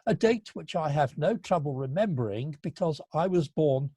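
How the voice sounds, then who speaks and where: A man in his seventies giving an illustrated lecture to an astronomy club, halting and full of fillers, with a dry, gentle humour. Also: a little high, expressive, husky, no echo. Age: 70s. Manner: halting, with frequent fillers and restarts. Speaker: guest speaker at an astronomy club.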